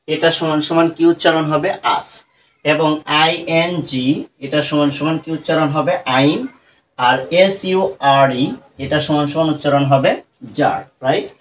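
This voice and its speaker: A man teaching English pronunciation to students, explaining rules slowly and repeating sounds syllable by syllable. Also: fairly high pitch, distant mic, slight background noise, rough recording. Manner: slow and repetitive, breaking words into syllables.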